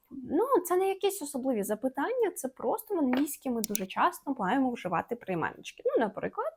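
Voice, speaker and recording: A woman teaching English in an online video lesson, with a somewhat high, gravelly voice whose pitch leaps up and down with animation. She explains in a playful, affectionate way and slows down to read each example sentence clearly. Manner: playful, uses fond diminutive words.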